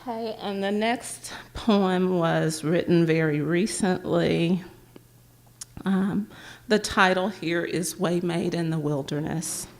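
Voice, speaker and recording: A woman reading her own poems aloud at a public library event, with a measured, gentle recitation. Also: fairly low pitch.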